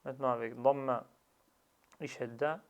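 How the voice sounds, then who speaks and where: A man teaching a slow, patient lesson, drilling syllables with long drawn-out sounds. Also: mid-range voice, steady tone, lo-fi sound. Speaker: Arabic reading teacher.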